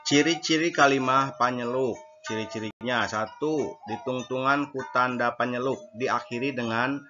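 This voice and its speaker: A man's voice: medium pitch, fairly even intonation, moderate pace, muffled recording, over music. A man teaching a recorded grammar lesson, explaining patiently and translating each point between two languages.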